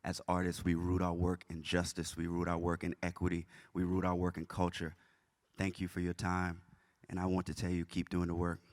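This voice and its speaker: A man from the South Carolina Low Country performing spoken word poetry in a rhythmic, chanting delivery. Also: completely flat delivery, brisk, no room sound.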